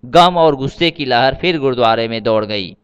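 Smooth-voiced male storybook narrator. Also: medium pitch, normal speed, dull audio. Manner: steady, storytelling. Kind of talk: audiobook narration.

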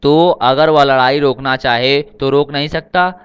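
A man's voice: mid-range voice, steady tone, a little slow, clear, resonant tone, dull audio, close to an everyday voice. A man voicing an earnest young man who reasons patiently for unity in a storybook reading.

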